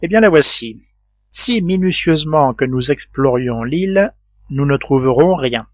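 A man reading a calm, reasoning engineer. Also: on the high side, a little slow, no room sound. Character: calm, thoughtful male engineer and leader.

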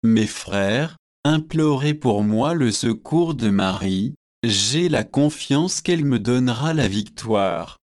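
A man's voice: mid-range voice, animated, slow, a little mellow, no room sound, studio quality. A man reading out the earnest, pleading words of a dying monk in a devotional book.

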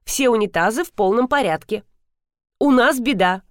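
A woman voices an anxious, bustling older woman of the household, pitching her natural voice above her own usual register so it sits on the high side. The delivery is animated at a moderate pace, in a dry recording with clean studio sound.

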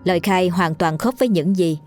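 A woman telling a ghost story in steady, dramatic narration. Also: lowish voice, a little fast, faint music behind.

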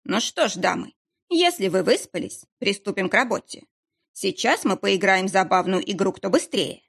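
A menacing male interrogator with a mocking, threatening manner, as a woman reader puts him on. His lines rise and fall in lively, teasing turns. The voice stays slightly husky and breathy, read as part of a storybook. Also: medium pitch, normal speed. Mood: mocking menace.

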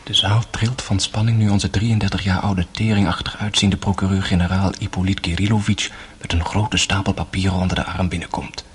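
With a deep, husky voice and a level tone, a man narrates a radio drama as a grave, sorrowful young brother. His measured, literary phrasing sinks down to a hush.

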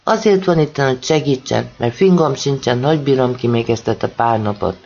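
A man voicing a drunk, furious middle-aged mother who scolds and shouts at her son. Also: mid-range voice, vocal fry, highs cut off, lightly acted. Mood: angry scolding.

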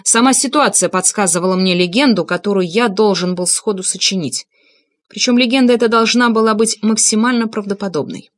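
A woman narrating a first-person audiobook in an even, measured reading style. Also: medium pitch.

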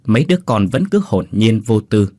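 A man reading a ghost story aloud in an expressive storytelling manner. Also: lowish voice, normal speed, no echo, studio quality. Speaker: narrator. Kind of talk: scripted ghost story narration.

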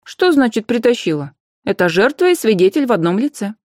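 A bold, sharp-tongued young witch on the case, as a woman reads her, a little higher and louder than the narration around her. She talks in brisk commands and quick comebacks, mellow in tone and dry in sound. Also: expressive, no echo, close to an everyday voice. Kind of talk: audiobook character voice.

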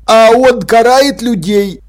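A man's voice: extremely high pitch, slow, voice pushed up. A man voicing a weepy, devout schoolboy who whimpers and sniffles as he talks. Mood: whimpering.

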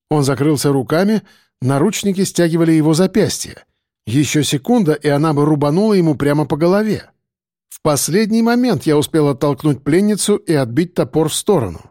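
A man reading a first-person audiobook narration, steady and matter-of-fact. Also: on the high side, fairly quick, no echo, clean studio sound.

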